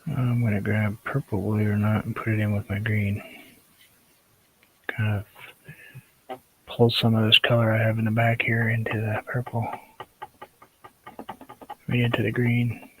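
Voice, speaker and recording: A man's voice: fairly low pitch, level tone, normal speed, pauses often, a bit bright, slightly rough, low-quality recording. A man talking casually while he paints on a live stream, thinking aloud and sometimes muttering under his breath.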